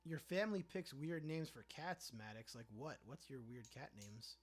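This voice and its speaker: Chatty and playful, this young livestream host reads his viewers' comments out loud and riffs on them. He speaks in a mid-range, expressive voice at normal speed, with slight background noise behind him.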